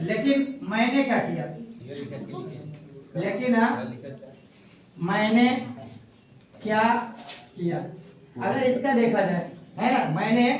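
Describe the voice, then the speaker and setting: Man as a patient English tutor, slow pace, heard from a distance in a booming room. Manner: slow, repeats each phrase, often ends with a checking tag. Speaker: English teacher. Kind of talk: classroom-style spoken English lesson. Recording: very echoey room, voice from far off.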